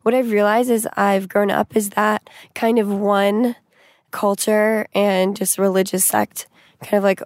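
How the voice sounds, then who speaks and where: A woman's voice: mid-range voice, level tone, measured pace, a little mellow, dry recording, clean studio sound. A young woman reflecting on her mixed family background in a thoughtful way, often saying "like". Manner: reflective, with frequent "like". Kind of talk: interview testimony.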